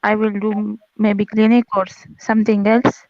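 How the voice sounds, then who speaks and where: A woman's voice: medium pitch, flat delivery, moderate pace, no room sound. A woman in her twenties from Pakistan with a Pashto accent, speaking hesitant, nervous English as a second language. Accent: Pashto-influenced Pakistani. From Peshawar, Pakistan. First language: Pashto and Urdu. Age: 20s. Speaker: caller, university student. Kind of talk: casual conversation practice. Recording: dull, lo-fi call audio.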